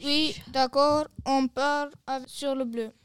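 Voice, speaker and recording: A woman's voice: sits high, steady tone, slow pace, dry recording. A woman reading the part of God, a male creator painting the world, in a read-aloud storybook tale. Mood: deliberating.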